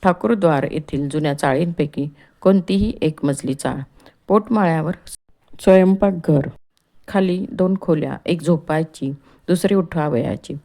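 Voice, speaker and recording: Woman reading stage directions, low gravelly voice, dark, measured audiobook narration.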